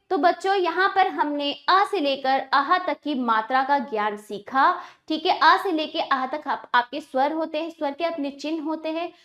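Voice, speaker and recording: A woman with a high, light voice gives a lesson to young children. She is patient and clear, and she stretches each example word out and repeats it so the class can follow. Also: a bit bright. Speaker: teacher.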